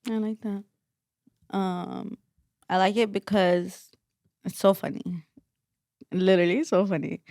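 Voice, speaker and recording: A woman's voice: mid-range voice, steady tone, a little slow, pauses often, darkish tone, no echo. Rambling woman podcast co-host, dry sound. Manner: rambling, many "like" fillers, restarts. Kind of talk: casual chat.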